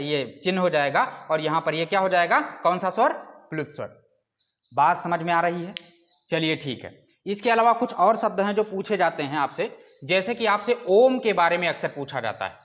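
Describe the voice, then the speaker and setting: A man's voice: high-pitched, a bit bright. A man teaching a class, explaining with rhetorical questions and stretching out sounds to demonstrate them. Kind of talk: classroom lecture.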